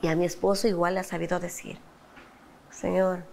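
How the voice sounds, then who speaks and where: A woman's voice: lowish voice, flat delivery, fairly quick, vocal fry, darkish tone, slight background noise. A middle-aged woman giving an emotional church testimony, acting out her past quarrels with a rising voice.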